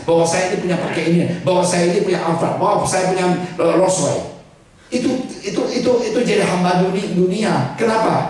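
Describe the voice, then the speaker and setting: An older man preaching a lively, joking sermon to a church congregation, slipping in English and Chinese words. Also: high-pitched. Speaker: pastor. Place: church hall. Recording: echoey hall from far off with congregation. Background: congregation laughing.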